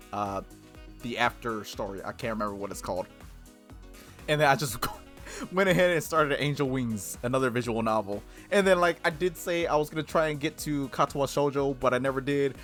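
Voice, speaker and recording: Fairly high-pitched and a little bright, this male gaming host reads aloud and chats in a casual let's play style. His delivery is playful and full of exclamations, and he often cuts himself off partway through a thought.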